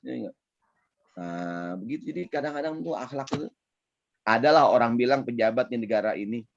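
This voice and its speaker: A man preaching a casual sermon in a Jakarta Betawi accent, lively and playful, often checking in with his audience. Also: mid-range voice, fairly quick, highs cut off. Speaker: Islamic preacher. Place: online session.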